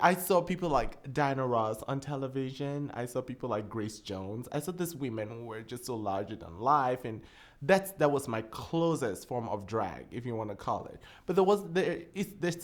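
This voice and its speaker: A man from Cameroon, animated and quick to laugh in an interview. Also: mid-range voice. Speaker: documentary interviewee.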